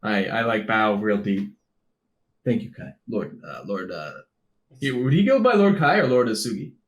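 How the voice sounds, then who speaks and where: A man's voice: lowish voice, lively intonation, normal speed, lo-fi sound. A man playing in a tabletop game, chatting casually and stumbling over his words. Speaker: player. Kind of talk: casual chat.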